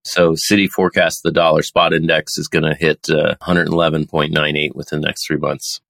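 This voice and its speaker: A man's voice: extremely low pitch, little pitch movement, a little fast, creaky, a bit bright, dry recording. A man co-hosting a podcast, chatting casually about money and markets, joking, swearing and reading quotes aloud. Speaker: podcast co-host. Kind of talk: casual finance chat.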